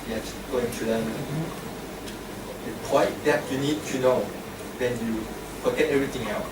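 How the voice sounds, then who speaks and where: In a club meeting room, a man serving as grammarian runs through a brief lesson, repeating points plainly and working through examples. He speaks at a medium pitch with a steady tone and moderate pace, captured on a distant mic in an echoey room with an air conditioning hum.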